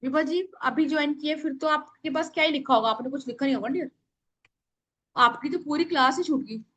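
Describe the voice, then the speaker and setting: A woman teaching a live online workshop over a video call, naming participants and dictating affirmations slowly for them to write down. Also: high-pitched, fairly bright tone, muffled recording.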